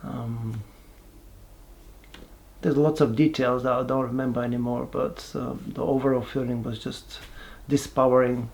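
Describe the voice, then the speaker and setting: A man, giving a halting, reflective personal testimony with many pauses and restarts. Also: mid-range voice, fairly even intonation, vocal fry, a little mellow. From Bulgaria. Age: 40s. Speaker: person sharing his life story.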